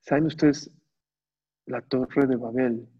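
A man's voice: medium pitch, steady tone, slow, mellow, slightly rough. A man giving a religious lecture, asking his audience rhetorical questions and repeating phrases for emphasis. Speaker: Torah teacher. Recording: dull, slightly muffled recording.

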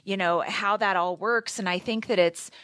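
A woman financial adviser on a panel, chatty and quick to laugh. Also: medium pitch, steady tone, clean tone, no room sound. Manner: chatty, laughs easily, warm storytelling. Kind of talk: casual panel chat.

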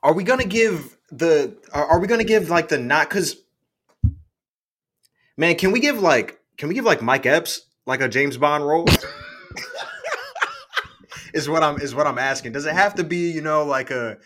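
A man's voice: fairly high pitch, lively intonation, normal speed, pauses often, fairly bright tone. A young man co-hosting a casual chat show, easygoing and agreeable, laughing easily as he talks. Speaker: podcast co-host.

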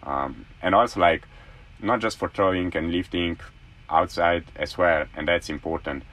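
A young man in his twenties, a former college athlete, talks in a very low, deep voice. He rambles on enthusiastically in a casual interview chat. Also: normal speed, a bit bright.

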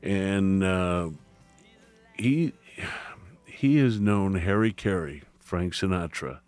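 A man's voice: sits low, a little mellow, no echo. A middle-aged or older man hosting a podcast, chatting casually with anecdotes, jokes and salty language. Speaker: podcast host. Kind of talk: casual interview chat.

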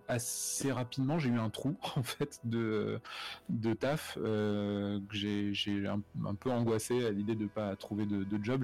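A man's voice: lowish voice, a little mellow. A man talking casually as a guest about his career, hesitant with many fillers and restarts. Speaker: guest, animation director. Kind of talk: casual conversational interview.

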